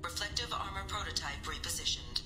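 Stern security computer lady, woman voicing it, lowish voice, cold flat announcements, roomy echo, game music behind. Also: fairly quick, lightly acted. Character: stern female station security AI. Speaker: station security system.

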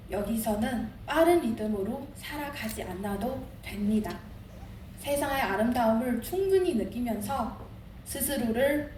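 A woman's voice: fairly high pitch, mellow. A young woman from Inner Mongolia, China, with a Chinese accent, delivers a rehearsed contest speech as an international student in an earnest, declamatory way. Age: young adult. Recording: roomy, distant mic, audible background noise.

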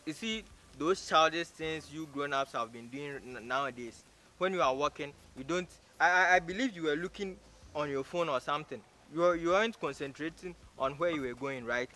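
An arrogant, scornful stranger in a short drama, his voice bright and forceful and sitting a bit high. He mocks and scolds in stammering, repetitive bursts. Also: a little fast. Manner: scornful, mocking, repeats himself in stammering bursts. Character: rude, arrogant young man insulting a stranger. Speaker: actor in a short film. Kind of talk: short-film drama acting.

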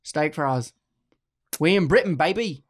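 A man in his twenties hosts a podcast from a small indoor room, chatting casually, joking and being playfully mock-dramatic. His fairly high voice is expressive and unhurried, sitting close on a handheld-style podcast mic mounted on a stand.

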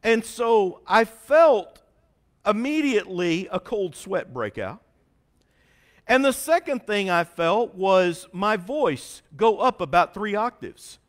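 A man's voice: high voice, slow. A man, a pastor telling a self-mocking story in his sermon. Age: 40s. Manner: animated, self-mocking storyteller with a folksy drawl. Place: church sanctuary.

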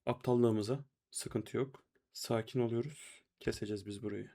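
A young man narrates his gameplay in a loose, running commentary, talking to his viewers and to himself and exclaiming when things go wrong. His voice is mellow and dark with a gravelly edge. Keyboard clicks sit behind him. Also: mid-range voice, a little fast. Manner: chatty, talks to himself and viewers while playing, exclaims at deaths. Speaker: gameplay streamer. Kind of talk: casual let's-play commentary.

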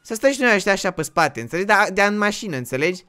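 Male roleplay streamer, frantic and pleading, high bright clear voice, headset mic. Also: sing-song. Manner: panicky, pleading, shouts repeated pleas. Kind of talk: casual game roleplay chat.

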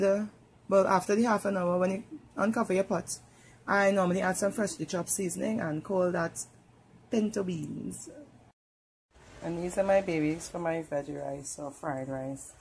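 A woman's voice: mid-range voice, slight background noise. A woman with a Trinidadian accent, chatting casually as she walks viewers through cooking steps in her home kitchen. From Trinidad and Tobago. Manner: chatty, talks viewers through each step. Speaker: home cook.

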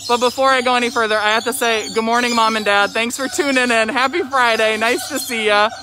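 A woman hosting a live zoo show in an excited, chatty way, her voice slightly muffled through a face mask. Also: fairly high pitch, fairly quick. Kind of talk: upbeat live-stream presenting. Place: outdoor zoo by a lorikeet aviary. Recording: very noisy aviary, loud bird and animal calls. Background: loud bird calls and chirping.

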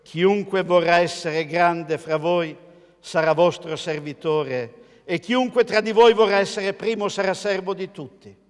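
An older male pastor with an Italian accent, preaching a sermon from a church pulpit in a measured, emphatic way, posing rhetorical questions to the congregation. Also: high-pitched. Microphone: pulpit mic, filmed by a camera across the church. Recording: long church reverb.

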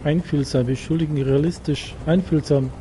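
A man's voice: a little high, steady tone, normal speed, background noise. A man giving casual let's play commentary, muttering to himself as he plays.

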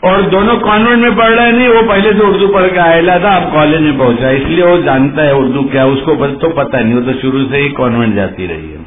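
A male religious preacher giving a lively sermon, quizzing his listeners and acting out little dialogues. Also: fairly high pitch, fairly quick, hardly any pauses, a little hiss or hum. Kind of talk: sermon with questions to the audience. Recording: muffled phone-like sound.

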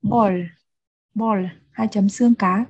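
A woman teaching English vocabulary to children, repeating words and gently correcting their pronunciation. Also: mid-range voice, steady tone, takes it slowly, husky, no echo, lo-fi sound.

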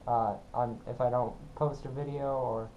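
A young adult man talking casually to a camera for his vlog, halting and apologetic as he goes. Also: mid-range voice, fairly even intonation. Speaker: vlogger. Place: small room at home. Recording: dull, muffled sound with clear background noise.

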